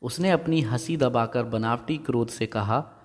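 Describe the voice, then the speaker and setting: A male teacher walks his class through a story, retelling each sentence in simpler words and stopping to ask whether they have followed. His voice sits at an ordinary middle pitch. It carries a long, hall-like reverb, as if recorded in a large bare room. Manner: repeats and explains each line, asks quick checking questions. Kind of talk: explaining and reading a Hindi story lesson.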